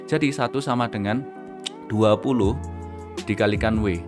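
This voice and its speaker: A man with a fairly low voice hosts a casual educational stream. He talks chattily, explaining as he goes and addressing viewers like friends. Guitar music plays clearly behind him. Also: normal speed. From Indonesia. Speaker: VTuber host of an educational reaction stream.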